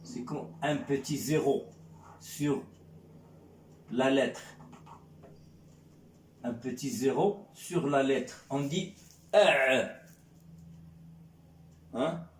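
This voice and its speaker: Slow, echoey-voiced male teacher. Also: mid-range voice, slight background noise. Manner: slow, repetitive, checking in with "hein?" and "d'accord?". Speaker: Arabic teacher. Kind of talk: classroom lesson. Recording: echoey room.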